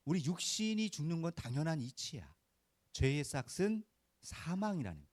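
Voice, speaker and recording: Speaking at a moderate pace with a sing-song lilt, this pastor's fairly high, slightly mellow voice carries a relaxed, folksy Sunday sermon. The recording is dry. He talks informally and keeps asking his congregation brief rhetorical questions, nudging them to respond.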